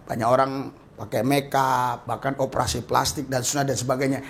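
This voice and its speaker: A male pastor preaching a sermon, jumping in pitch and loudness for emphasis and acting out the people he quotes. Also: flat delivery, brisk, vocal fry, slight background noise. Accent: Indonesian.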